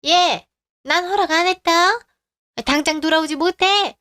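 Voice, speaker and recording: A woman playing a stubborn, scolding older mother-in-law in a radio drama, sharp-tongued and nagging. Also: fairly high pitch, moderate pace, close to an everyday voice. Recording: dry close studio sound.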